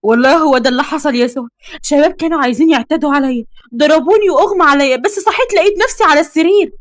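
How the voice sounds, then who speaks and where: A woman voicing an excitable, joking young female music teacher in an Egyptian accent. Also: high-pitched, racing, no echo, clean studio sound, close to an everyday voice. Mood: insistent.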